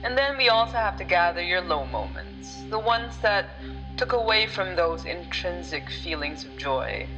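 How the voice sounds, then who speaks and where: A playful explorer guide, played by a woman, gives scripted instructions in a fairly low voice. Music plays clearly behind the narration. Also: expressive, normal speed, lo-fi sound, lightly acted. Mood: earnest, encouraging. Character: playful explorer guide setting a self-discovery task.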